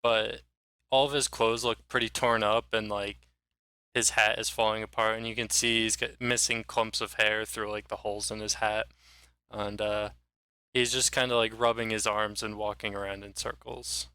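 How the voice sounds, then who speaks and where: A male game master narrating a tabletop adventure with an easygoing, rambling delivery. His voice is bright and crisp, recorded close and dry. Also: fairly low pitch, normal speed, no echo. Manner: relaxed, descriptive, with frequent "like" fillers.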